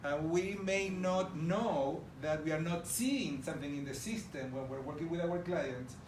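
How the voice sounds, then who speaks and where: Unhurried and somewhat high-pitched, a middle-aged Argentine man with an Argentine Spanish accent presents with enthusiasm, talking directly to a live audience. He is in a large room, and the recording sounds roomy and distant with background noise.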